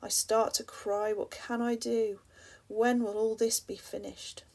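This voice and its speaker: A woman reads rhyming verse aloud in a husky voice that often sinks into a breathy half-whisper. Her tone stays level and flat, with a gravelly edge of vocal fry. Now and then she turns to ask the listener quiet questions. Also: on the high side, measured pace. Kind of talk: spoken-word poetry reading.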